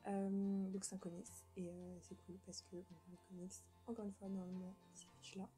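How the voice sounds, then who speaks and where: Chatty young woman with a mellow voice. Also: medium pitch, flat delivery, fairly quick, faint music behind, low-quality recording. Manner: rambling, self-mocking, many fillers and restarts. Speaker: book vlogger. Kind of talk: casual chat.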